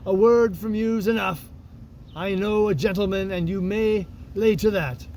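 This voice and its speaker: A man's voice: high-pitched, a little slow, far from the mic, a little hiss or hum, voice pushed up. A man voicing a bold, wily pirate leader in an audiobook, hearty and blustering as he calls out. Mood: cheery. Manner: hearty, loudly calling out, blustering. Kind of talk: audiobook character voice.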